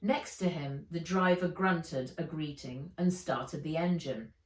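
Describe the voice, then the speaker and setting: An author reads her own children's adventure book as dramatised audiobook narration, slow and measured. Her fairly low voice moves expressively and theatrically, with clear intent. The recording is roomy and echoey, with the microphone set at a distance.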